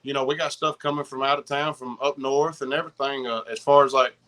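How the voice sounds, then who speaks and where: Excitable Southern man with a bright, forceful voice. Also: mid-range voice, fast. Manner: excitable, slangy, repeats himself. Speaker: podcast guest. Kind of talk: casual chat, rambling anecdotes.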